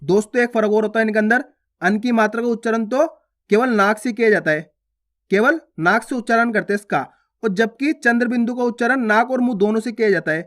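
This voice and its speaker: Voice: mid-range voice, a little fast. Patient teacher drilling Hindi word sounds. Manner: drills words aloud, repeating each twice with a question; addresses viewers as friends, checks understanding. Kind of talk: online phonics lesson.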